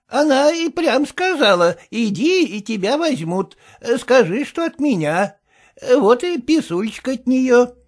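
A man's voice: extremely high pitch, very animated, unhurried, pitched above the performer's own voice, full character voice. A man reading aloud voices a humble old peasant woman who speaks hesitantly and simply. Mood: plaintive.

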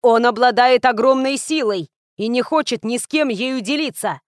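A woman reads a young male necromancer full of ambition and pride. He yells to persuade, loud but only a little above her own pitch. The recording is dry and close. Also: normal speed, no echo, natural voice. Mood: yelling. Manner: yelling, persuasive.

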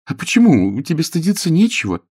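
A man's voice: a little high, huge pitch swings, brisk, darkish tone, breathy edge, pitched above the performer's own voice, exaggerated voice. A man reading an audiobook voices a nervous, secretive young woman who talks in a flustered, pleading way. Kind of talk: audiobook character voice.

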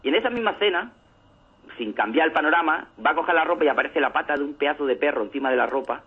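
Guy chatting on radio, husky voice, tinny lo-fi line, acts out bits of comics. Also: on the high side, rapid-fire. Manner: animated storyteller, acts out comic scenes. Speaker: radio show co-host. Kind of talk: casual radio chat about comics. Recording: lo-fi phone-like radio sound.

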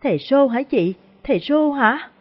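A terrified young woman, put on by a female storyteller cries out in a high, wailing voice. She is sobbing and clinging for help. The recording sounds dull and lo-fi. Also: lively intonation, unhurried. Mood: panicked sobbing.

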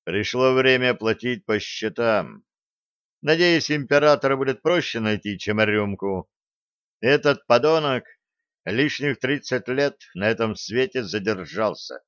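A man's voice: medium pitch, a little slow, no echo. A man doing a brash, decisive space captain. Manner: energetic, decisive, sarcastic. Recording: dull lo-fi dry recording.

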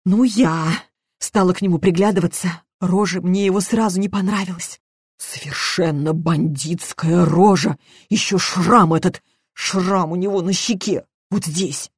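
A woman's voice: fairly low pitch, a little slow, slightly rough, no echo, clean studio sound. A woman voicing a frightened, tearful older housekeeper who talks in plain folk sayings and sighs a lot. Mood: anxious, chatty.

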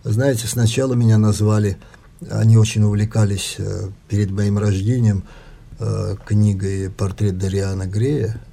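Husky-voiced man reading his own prose. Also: on the low side, fairly even intonation, unhurried, dark tone. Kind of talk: unhurried literary reading and interview answers.

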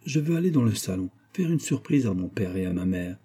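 A man's voice: fairly low pitch, big pitch swings, fairly quick, dark tone, slightly rough. A man reading aloud and voicing a feverish, despairing young woman who is dying, with a raised, pleading, tearful delivery. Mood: feverish hope.

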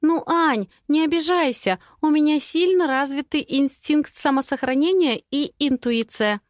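A woman reader voicing a chatty, cautious young female friend who talks quickly in rising questions. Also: sits high, no echo, clean studio sound, pitched above the performer's own voice. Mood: lively chatter.

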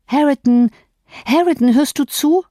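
A proud, tearful young woman pleads in raised, wavering outbursts, as a female reader puts her on. The voice sits clearly higher than the reader's own and swings between pleading and crying out. The recording is dry and close, with no room sound. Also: lively intonation, moderate pace, a little mellow, no room sound, close to an everyday voice. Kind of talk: audiobook character voice.

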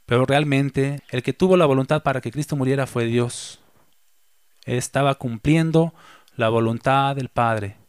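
A man preaching a sermon as a pastor. He reads scripture aloud and slowly repeats the key phrases for emphasis. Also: medium pitch, clear, resonant tone, dry recording.

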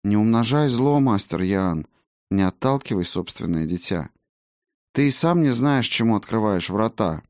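A man voicing a soft-spoken gentle healer. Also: fairly low pitch, animated, moderate pace, dry recording, clean studio sound, pitched above the performer's own voice, lightly acted. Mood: quiet. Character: gentle male healer, quiet, apologetic, earnest.

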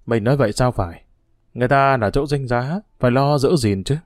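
A man voicing a middle-aged father who explains himself in a measured, patient way. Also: mid-range voice, dry recording, studio quality, lightly acted.

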